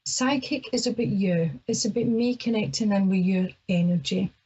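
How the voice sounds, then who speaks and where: Mellow and slightly rough, her medium-pitched voice keeps a moderate pace as she hosts a psychic show on the radio. She's a middle-aged Scot from Ayrshire, chatty yet hesitant, scattering fillers throughout her casual monologue, heard through dull audio.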